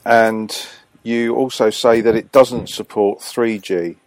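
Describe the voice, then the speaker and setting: A man's voice: mid-range voice, fairly even intonation, slow, a little mellow, dry recording. A man phoning a company as a customer, questioning insistently and correcting the person he speaks to. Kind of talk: phone call complaint.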